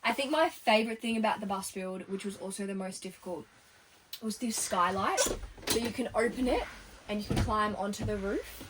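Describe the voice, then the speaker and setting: A young woman in her early twenties gives a casual tour of her converted bus, chatty and quick to laugh. Her voice sits at a medium pitch. She is recorded by a camera some distance away, with clear noise behind her. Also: expressive. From Australia. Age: early 20s. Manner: chatty, laughs often, recommends things. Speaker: vlogger giving a bus tour. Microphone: camera held by her sister.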